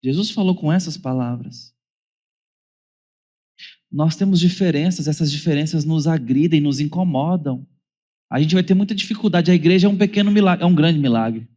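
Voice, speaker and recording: With a fairly high, warm voice, a Brazilian Portuguese-accented pastor preaches at a moderate pace, pausing often. He brings wry humor and playful asides to the sermon and imitates whining children.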